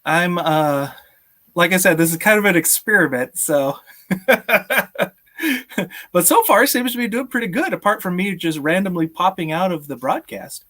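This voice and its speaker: With a high, pushed, bright voice, a man in his thirties talks animatedly at a moderate pace. He's chatting with viewers on a casual live stream through a video call, chuckling a lot, from a small indoor room at home with a sloped ceiling.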